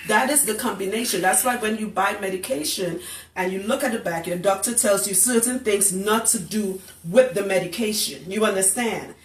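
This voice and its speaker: Indoors, a woman with a mid-range voice and moderate pace hosts a casual hair care live stream, blunt, teasing and laughing often. The live-stream audio sounds roomy and distant.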